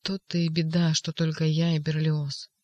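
A reader voicing an agitated young male poet in an audiobook, shouting insistent outbursts. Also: mid-range voice, completely flat delivery, normal speed, no echo, close to an everyday voice. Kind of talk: audiobook character voice.

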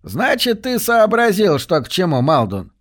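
A man's voice: high-pitched, wildly swooping pitch, measured pace, voice pushed up, exaggerated voice. Man putting on a shrewd old lady. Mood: knowing. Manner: knowing, triumphant. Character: elderly woman, sly and shrewd.

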